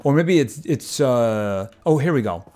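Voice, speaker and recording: A man's voice: medium pitch, lively intonation, a little slow, mellow. A man streaming a farming game, chatting casually and making wry asides. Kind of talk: casual gameplay commentary. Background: game music.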